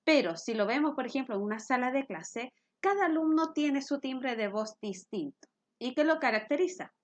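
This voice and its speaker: Middle-aged woman teacher, high voice, patient and explanatory, keeps asking the class if they follow. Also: fairly bright tone. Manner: patient, explains with questions to students. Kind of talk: recorded physics lesson.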